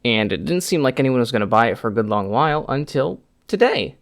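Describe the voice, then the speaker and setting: A man's voice: medium pitch, sing-song, fast. A man giving an unscripted, conversational news update as a video host, rambling a little, his speech slightly slurred and stiff-mouthed after dental surgery.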